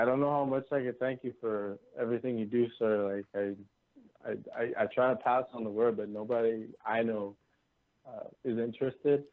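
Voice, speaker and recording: A man from Canada calling in over a breaking-up voice call line, telling his story in a halting way with many restarts. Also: fairly low pitch, no room sound. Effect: heard over a breaking-up voice call line. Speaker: caller. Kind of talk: casual phone-in conversation. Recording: tinny, dry voice call line.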